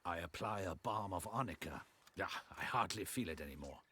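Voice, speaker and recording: An actor playing a dutiful palace guard commander in a video game, with formal, courtly, crisp diction. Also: male voice, sits low, expressive, brisk, pushed and bright, exaggerated voice. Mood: brisk, courteous.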